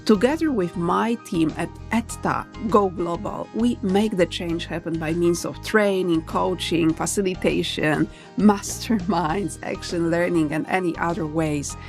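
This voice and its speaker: A woman's voice: lowish voice, unhurried, hardly any pauses, faint music behind. Polish-accented woman hosting a podcast. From Poland. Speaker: podcast host. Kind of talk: scripted intro and interview questions.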